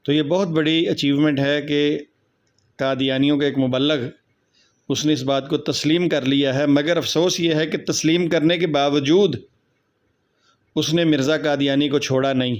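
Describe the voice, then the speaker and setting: A man's voice: a little high, fairly even intonation, normal speed. A man hosting his channel, introducing a video in an earnest, explanatory way. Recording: dull, lo-fi recording.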